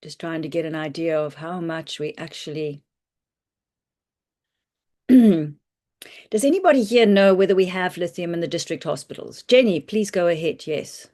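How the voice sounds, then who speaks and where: A woman physician teaches on a video call, her voice hoarse and croaky. She explains clinical points in a practical, reassuring way. Her delivery is loose and conversational. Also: lowish voice, lively intonation, moderate pace, long pauses, mellow. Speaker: family physician presenting a webinar. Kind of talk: online medical teaching talk. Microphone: computer mic on a video call.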